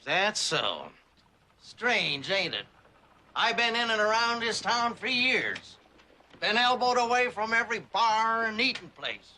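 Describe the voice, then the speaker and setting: A man's voice: sits high, sing-song, a little slow, bright, forceful tone, slight background noise, full character voice. A man playing a wary, sardonic old prospector in a TV western, with a folksy, wry manner. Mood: wry, suspicious. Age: older. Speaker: actor in a TV western. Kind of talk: TV western drama acting.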